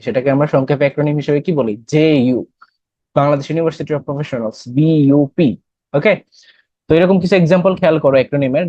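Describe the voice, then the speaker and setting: A man's voice: a little high, mellow, no echo, lo-fi sound. Young Bangladeshi man teaching English. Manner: explains in Bengali mixed with English, quizzes students. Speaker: admission test English teacher. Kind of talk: classroom lecture.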